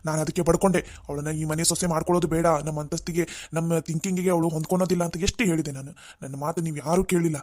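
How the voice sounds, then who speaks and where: A man's voice: on the high side, steady tone, fast talker, hardly any pauses, a little mellow, lightly acted. A man voicing a stern middle-aged father in a cartoon family drama, blaming and lecturing.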